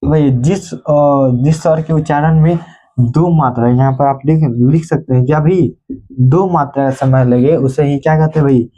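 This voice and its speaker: A man teaching a grammar lesson. He keeps asking his pupils questions, answers them himself and repeats key terms slowly so they can be written down. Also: a little high, fairly even intonation, dark tone. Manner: addresses viewers as "bhai".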